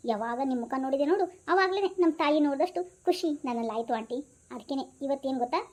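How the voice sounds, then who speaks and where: An earnest, teary young man pleads in a sentimental, soft voice, as a woman plays him in a comedy skit. The voice is very high and moves around a lot from phrase to phrase. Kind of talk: comic home skit acting.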